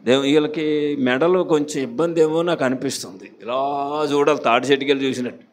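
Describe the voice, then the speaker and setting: A pastor with a Visakhapatnam accent, preaching a sermon to a congregation in a chatty way, often putting questions to them. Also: male voice, mid-range voice, brisk. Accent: Visakhapatnam Telugu. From Andhra Pradesh, India.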